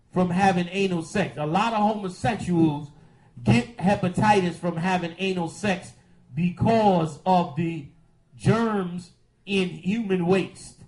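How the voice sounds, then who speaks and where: A man hosts a call-in radio show in the manner of a preacher. His voice sits fairly high, and he stretches out key words with slow, emphatic weight. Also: a little mellow, low-quality recording. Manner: preachy, drawn-out emphatic delivery.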